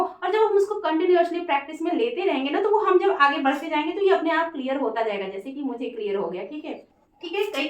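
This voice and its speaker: A woman's voice: high voice, echoey room, far from the mic, low-quality recording. A woman teaching English pronunciation in a patient lesson, spelling words out letter by letter and checking in often. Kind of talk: Hindi-language English phonics lesson.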